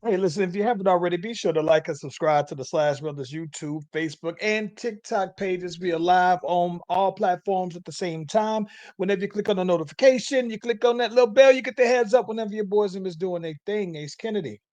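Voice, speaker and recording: High-voiced man hosting a chatty podcast. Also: a little fast, darkish tone, no room sound. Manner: rambling, tags sentences with "though, man". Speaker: podcast host. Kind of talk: casual podcast chat.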